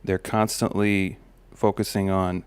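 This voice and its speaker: Relaxed and musing, a deep-voiced podcast host and father of a daughter shares life advice in a personal monologue, his voice slightly gravelly. He pauses, uses fillers and restarts often, and the recording is dry.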